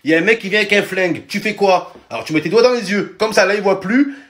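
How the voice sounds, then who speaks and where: A man's voice: high-pitched, fast, a bit bright, roomy sound, pitched above the performer's own voice. A man doing a brash self-defense teacher. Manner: brash, instructive, overexcited. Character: cocky self-defense instructor, adult man.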